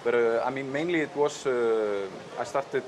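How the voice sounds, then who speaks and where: A man from Iceland, a film director, answering interview questions in a thoughtful, halting way with many fillers. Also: medium pitch, noisy background. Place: outdoor festival terrace with a crowd. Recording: crowd chatter behind.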